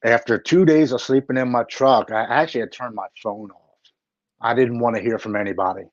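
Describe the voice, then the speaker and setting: A middle-aged man, a recovery advocate appearing as a guest in a live interview, tells his personal story bluntly and plainly, swearing casually. His mid-range voice moves fairly quickly with fairly even intonation, and the recording is dry, dull and lo-fi with no echo.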